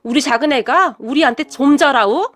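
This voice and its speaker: A woman voicing a sharp-tongued older mother-in-law who scolds bluntly in a radio story. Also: high voice, normal speed. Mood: scheming.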